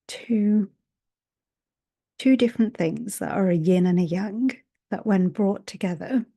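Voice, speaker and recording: A woman healer and hypnotherapist speaks gently on spiritual matters to camera using an earbud mic. Her voice is mid-range, a little raspy from a sore throat, and she often half-whispers.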